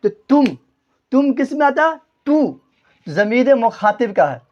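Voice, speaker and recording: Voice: sits high, sing-song. A grammar teacher giving a classroom lesson, repeating each point and quizzing the listeners before answering their own questions. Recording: dull lo-fi recording.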